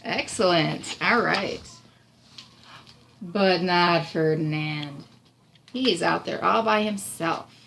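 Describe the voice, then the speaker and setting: A woman in her thirties reads a picture book aloud to a child, chatting encouragingly as she explains and asks questions. Her voice is lowish and fairly bright with vocal fry, and she goes slowly, pausing often. The recording, made in a small room at home, is noisy with room ambience.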